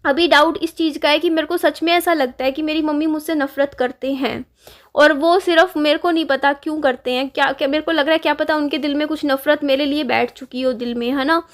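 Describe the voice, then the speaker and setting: A young woman vlogger telling a painful family story in a halting, upset way, with many restarts. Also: high-pitched, steady tone. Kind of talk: casual confessional vlog.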